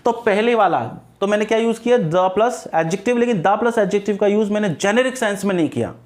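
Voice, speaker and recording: A man's voice: sits high, normal speed, darkish tone. A middle-aged man with a Hindi-speaking Indian English accent gives an exam-prep grammar lecture, repeating each point as a question and answering it himself.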